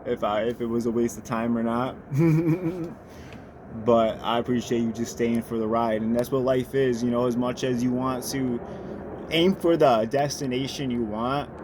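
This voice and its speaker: A man's voice: mid-range voice, flat delivery, moderate pace. A man vlogging outdoors near a storage facility, chatting casually in a rambling, filler-heavy way, swearing and then apologizing. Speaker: dad vlogger. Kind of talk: casual chat to camera. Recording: outdoor street noise with passing vehicles.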